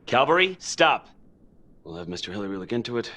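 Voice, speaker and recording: An actor voicing a weary, placating male police sergeant who talks in a calming way. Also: on the low side, slight background noise. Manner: quick, calming and conciliatory.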